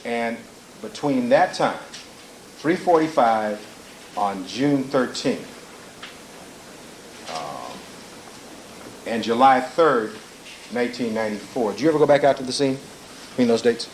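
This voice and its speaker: A man's voice: mid-range voice, animated, measured pace, long pauses, a little hiss or hum, poor audio. Male attorney, courtroom recording: mid-range voice, insistent, repeats leading questions. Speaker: attorney cross-examining. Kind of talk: courtroom cross-examination.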